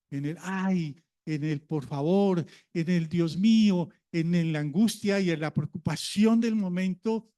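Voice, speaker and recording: Pastor guy preaching, chatty, keeps asking the church stuff, voice a bit high. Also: dark tone. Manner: conversational preaching, asks the congregation questions. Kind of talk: sermon.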